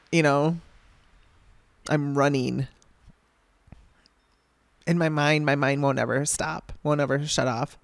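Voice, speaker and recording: A woman's voice: deep voice, smooth, no room sound. Candid woman telling a wry personal story. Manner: candid, wry, laughs through frustration. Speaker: podcast host.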